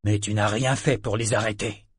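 A man voicing a bitter, domineering father, loud and contemptuous in his anger. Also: lowish voice, steady tone, normal speed, husky, no echo, studio quality. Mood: sardonic. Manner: contemptuous, scornful, shouting in rage. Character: bitter domineering father, furious sea captain.

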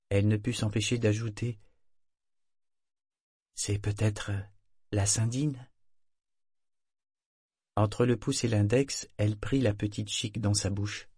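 A man narrating a novel in a measured, even storytelling manner. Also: lowish voice, slightly rough, no room sound, clean studio sound. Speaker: audiobook narrator. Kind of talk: scripted narration.

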